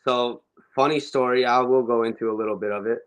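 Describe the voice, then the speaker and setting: A man's voice: medium pitch, steady tone, brisk, clear, resonant tone, rough recording. A young man, a professional soccer forward, casually recounting his career in a laid-back way during an interview.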